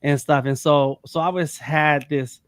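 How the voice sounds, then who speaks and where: Halting, rambling middle-aged man. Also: on the high side, fairly even intonation, no echo. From United States. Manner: rambling, halting, many restarts. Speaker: panel guest. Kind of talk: casual panel talk.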